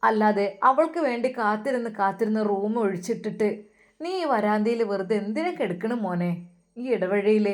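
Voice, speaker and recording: A woman's voice: moderate pace, natural voice. A woman voicing a loving, fretful elderly mother in a story. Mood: coaxing. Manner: coaxing, pleading, high and sing-song. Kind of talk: storytelling with acted dialogue.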